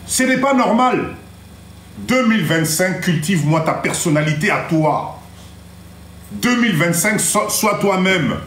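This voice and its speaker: A man with a fairly high voice hosts a motivational live stream. He talks in an animated way, drops into Lingala, and mimics other people. The sound is roomy and echoey. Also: measured pace. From Congo-Kinshasa. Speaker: live stream host giving motivational advice.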